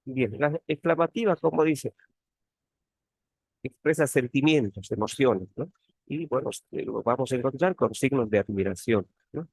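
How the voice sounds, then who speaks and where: A man's voice: mid-range voice, animated, normal speed, creaky, breathy edge, no room sound. A man, a teaching assistant, giving an online grammar lesson, explaining patiently and often tagging phrases with questions. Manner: explanatory, frequent tag questions.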